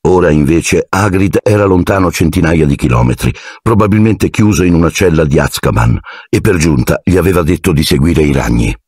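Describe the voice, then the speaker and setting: A man narrating an audiobook in an expressive storytelling manner. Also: very deep voice, brisk, breathy edge, no room sound, studio quality. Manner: expressive storytelling, shifting into character voices. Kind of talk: scripted narration.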